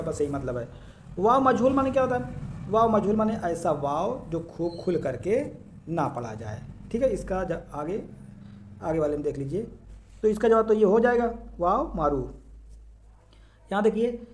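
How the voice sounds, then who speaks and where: A man's voice: high voice, darkish tone. A man teaching an exam-prep grammar lesson, explaining step by step, asking and answering his own questions and often checking that students follow. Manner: repeats key terms and checks understanding.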